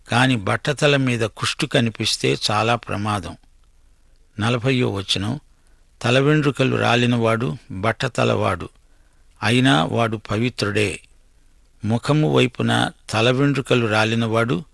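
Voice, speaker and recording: A man's voice: mid-range voice, gravelly, fairly bright tone, no room sound, clean studio sound. A man preaching a sermon, reading out Bible verses and then putting pointed questions straight to his listeners.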